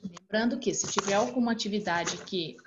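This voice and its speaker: A woman's voice: mid-range voice, normal speed, background noise. A woman with a Brazilian Portuguese accent teaching a recorded online class to young children, explaining each exercise patiently and step by step. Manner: affectionate, calls the class "turminha". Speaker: primary school teacher. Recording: dull lo-fi recording.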